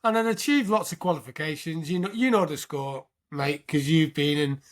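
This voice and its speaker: A British man in his sixties, a veteran telling his life story as an interview guest, animated and often checking in with the listener. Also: a little high, moderate pace. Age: 60s. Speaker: podcast guest, military veteran.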